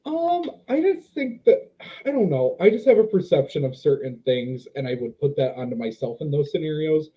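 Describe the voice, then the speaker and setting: A dog trainer in his twenties appears as a guest on a casual podcast, speaking expressively with big pitch swings in a fairly high, warm voice at a moderate pace. He often hesitates while searching for words, and the sound is slightly dull and lo-fi.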